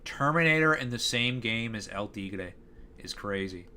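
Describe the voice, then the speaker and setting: A man's voice: fairly low pitch, lively intonation, unhurried, pushed and bright, slight background noise. Rambling young male streamer. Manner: rambling, hesitant, many fillers. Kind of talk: casual live-stream chat.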